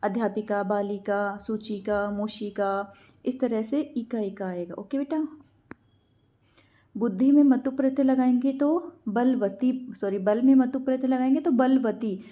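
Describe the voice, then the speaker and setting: Woman teacher, patient, asks and answers her own questions, mellow tone, slightly high voice. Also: a little slow. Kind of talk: explaining exam answers.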